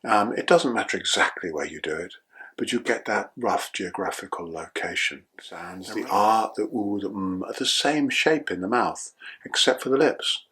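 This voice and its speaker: Older male breathwork teacher, low husky voice, calm patient instruction. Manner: calm, slow guiding with checking "yeah?".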